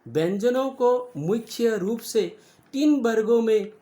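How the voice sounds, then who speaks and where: A teacher giving a slow grammar lesson to children, spelling out letters one at a time and stretching sounds to show their length. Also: medium pitch, animated, mellow.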